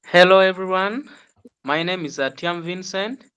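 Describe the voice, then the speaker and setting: A man's voice: high-pitched, a little slow, bright, forceful tone, clean tone, dull audio. A man from Uganda, introducing himself in a proud, emphatic way.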